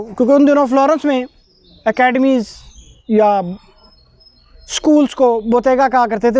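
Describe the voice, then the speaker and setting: Mellow-voiced man explaining unhurriedly. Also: very high voice, dry recording. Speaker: video presenter on art history. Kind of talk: casual explanatory monologue. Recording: dull lo-fi dry recording.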